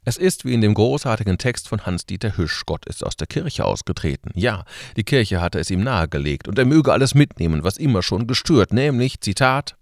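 Lowish-voiced man preaching on radio. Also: a little fast, hardly any pauses, dry recording, studio quality. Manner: lively, colloquial preaching. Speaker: preacher and radio worship host. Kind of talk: radio sermon.

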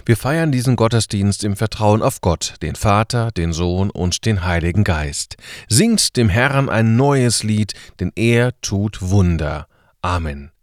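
Man, radio preacher, lively colloquial sermon, lowish voice, dry sound. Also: slow pace, dry recording. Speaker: preacher and radio worship host.

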